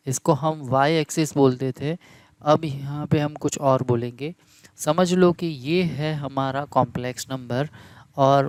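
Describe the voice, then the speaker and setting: Teaching math slowly and deliberately, this man blends Hindi with English terms, repeats important terms, and asks his class questions to confirm understanding. His voice is fairly high yet darkish and smooth, with no echo.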